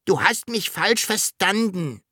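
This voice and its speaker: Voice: medium pitch, lively intonation, takes it slowly, pushed and bright, husky, dry recording, studio quality, voice pushed up, heavily acted. A narrator voicing a small, puzzled male dragon who swaps his R sounds for S in a storybook reading. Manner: lisping mix-up of R and S sounds.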